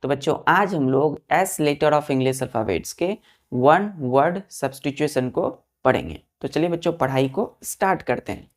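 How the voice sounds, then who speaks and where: A woman's voice: deep voice, slow. A woman teaching exam vocabulary in a lesson, spelling each word letter by letter, repeating it for drilling and often checking whether students understand. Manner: keeps asking students if it is clear; addresses students as children, repeats words for drilling.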